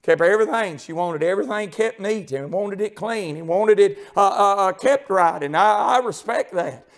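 A man preaching a sermon in a church, swinging from shouted, tearful peaks to a low, confiding storytelling tone with plenty of fillers. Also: lively intonation, normal speed. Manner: rises into shouted, tearful crescendos, then drops to a low confiding tone; homespun storytelling with many fillers. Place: church sanctuary.

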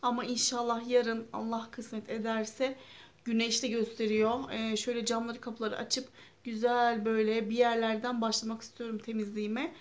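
A woman's voice: fairly high pitch, flat delivery, normal speed. A woman in her thirties chatting casually and homely to her viewers in a home vlog, full of fillers. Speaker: vlogger. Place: at home, kitchen then living room.

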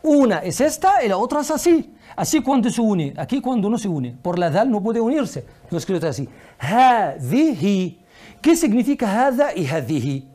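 A woman with a raised, lively voice teaches a one-on-one lesson. She drills words slowly and patiently and keeps checking in with her student. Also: fairly high pitch. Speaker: Arabic teacher.

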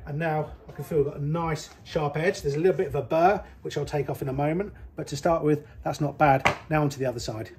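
A middle-aged British man with a slightly raised voice walks through workshop repairs in a practical, easygoing way, pausing with fillers as he works. He is recorded on a nearby camera mic in a small indoor workshop. A faint hiss of noise sits under his voice. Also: a little high. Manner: practical, explanatory, relaxed with fillers. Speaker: ski technician. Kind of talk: hands-on workshop demonstration.

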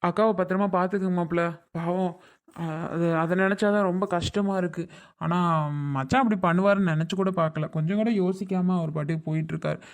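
A woman voicing a grown man, a wife's brother, who talks in a low, sorrowful way about a family split. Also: steady tone, quick pace, natural voice. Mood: sad.

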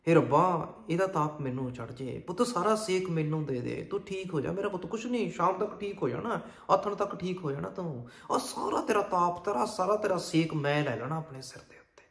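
A man voicing an elderly mother who soothes and reassures her grown son in a gentle, coaxing way. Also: mid-range voice, animated, normal speed, lightly acted. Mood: tender. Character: elderly mother, tender and steadfast. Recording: roomy echo.

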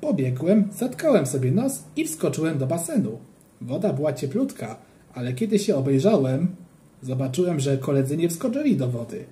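A reader telling a children's story in the voice of a schoolboy, playful and very animated. The pitch jumps around a lot, and the tone stays dark and mellow. The reading bounces along with the action of the story. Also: normal speed. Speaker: audiobook reader. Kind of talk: storytelling narration of a children's book.

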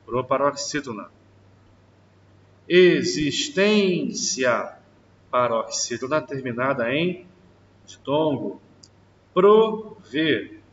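Man teaching, slow deliberate pace, distant mic, long reverb, dull lo-fi sound. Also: medium pitch, fairly bright tone, slight background noise. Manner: slow, drawn-out stress on key words. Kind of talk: exam question walkthrough.

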